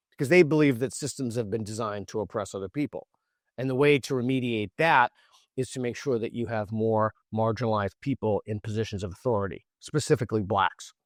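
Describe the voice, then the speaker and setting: A man's voice: mid-range voice, dry recording, clean studio sound. A man talking as a guest author in an interview, earnest and argumentative, often restarting his sentences. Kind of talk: interview conversation.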